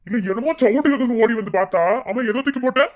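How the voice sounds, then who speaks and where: A man voicing a blunt, sarcastic village police inspector with a Madurai Tamil accent and a gruff, scolding way of talking. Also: extremely high pitch, racing, highs cut off. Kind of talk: cartoon voice acting.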